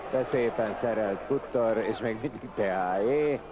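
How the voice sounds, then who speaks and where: A man's voice: lowish voice, lo-fi sound. A man giving live football match commentary, clipping out the names of players. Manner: clipped naming of players, exclaims at chances. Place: football stadium. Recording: loud stadium crowd, noisy old TV broadcast.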